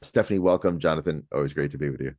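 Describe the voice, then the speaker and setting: A man hosting a podcast, opening the show and introducing his co-host and guest in a brisk, upbeat way. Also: very deep voice, a little mellow, no echo.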